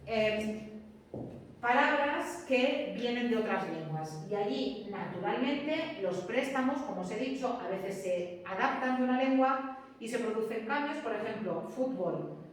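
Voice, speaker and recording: A woman lectures a class, her fairly high voice carrying through a very echoey room. She sounds distant the microphone and keeps checking that her students follow. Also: expressive, a little slow, slight background noise. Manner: chatty, peppered with checks for understanding. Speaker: teacher.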